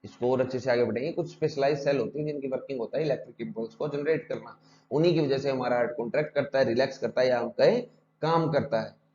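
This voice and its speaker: A man's voice: medium pitch, fast talker, darkish tone, lo-fi sound, slight background noise. A male teacher giving an exam-prep lecture, drilling terms through repetition and rhetorical questions.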